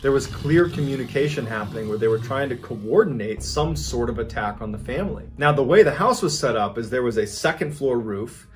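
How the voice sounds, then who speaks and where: A man's voice: medium pitch, lively intonation, a little fast, few pauses. A man hosting a podcast, narrating a true scary story in a suspenseful, conversational way.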